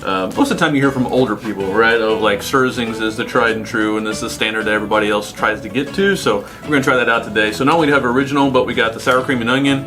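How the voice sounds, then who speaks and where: A man's voice: medium pitch, very fast, hardly any pauses, music in the background. A man hosting a casual food review chat, conversational and putting questions to his co-host. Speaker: host of a snack review show.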